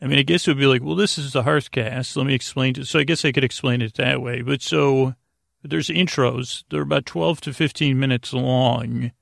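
A man hosting a bedtime podcast meanders from one tangent to another in a rambling monologue, halting and hesitant, often breaking off to rephrase. His mid-pitched voice is creaky with fry, steady and fairly bright, recorded dry with no echo or room sound.

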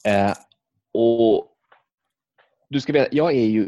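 A man's voice: medium pitch, warm tone, no echo, highs cut off. A man chatting casually, rambling through stories with lots of fillers, restarts and swearing. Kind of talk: casual chat about video games.

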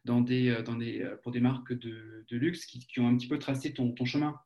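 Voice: mid-range voice, fairly even intonation, brisk, mellow, dull audio. An interviewer asking questions in a casual interview, searching for words as they go.

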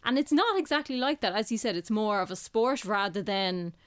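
A woman's voice: medium pitch, lively intonation, brisk, clear, resonant tone. Woman doing the interview, friendly, keeps nodding along with mm-hmms. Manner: friendly, encouraging, many backchannel "mm-hmm"s. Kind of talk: casual interview questions.

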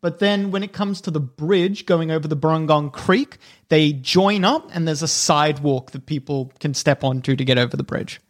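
A man's voice: on the high side, normal speed, lightly acted. A man voicing a plain-spoken townsman who gives long, helpful trail directions in a tabletop game. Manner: chatty, helpful, describes routes at length. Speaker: non-player character.

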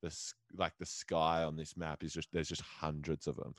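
A man's voice: rumbling low, level tone, normal speed, a bit bright, dry recording, studio quality. A man co-hosting a podcast, riffing in casual comedic chat in a sweary, matey way. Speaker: podcast co-host.

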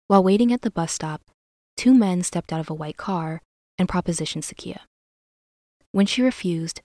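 A woman's voice: on the low side, mellow, dry recording, studio quality. A woman hosting a true crime podcast, reading scripted narration.

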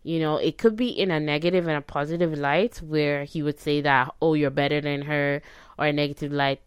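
A woman podcast host talks casually to her listeners in a low, smooth voice. She gives advice conversationally, often checking in with little tag questions, and the sound is close and dry. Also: steady tone, fairly quick, no echo.

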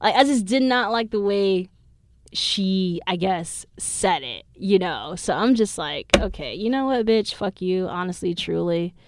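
A woman's voice: medium pitch, expressive, a little slow, a little hiss or hum. A woman in her twenties hosting a podcast, telling a story in a casual, blunt and profane way. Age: 20s. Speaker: podcast host. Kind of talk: casual chat.

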